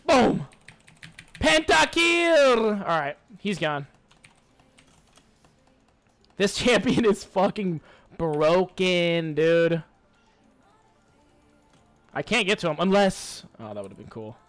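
A young man with a fairly high voice narrates his own gameplay live at his computer desk. He is excitable and hyped, swearing and taunting the enemies he fights, while faint background music plays under his talk. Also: slow pace, long pauses. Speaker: gaming YouTuber.

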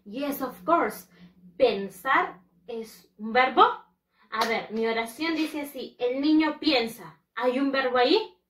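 A woman teaching English to young children, a Spanish speaker who drills pronunciation slowly and emphatically and switches between two languages. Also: sits high, fairly bright tone, roomy sound, recorded from a distance, rough recording. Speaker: first-grade English teacher. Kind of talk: bilingual classroom lesson.

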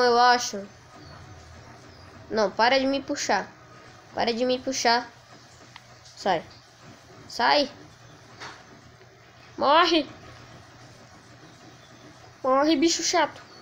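Excitable high-voiced Brazilian woman gamer. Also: a little hiss or hum. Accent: Brazilian Portuguese. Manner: excitable, yells at enemies on screen. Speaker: gaming channel host. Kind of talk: let's play commentary.

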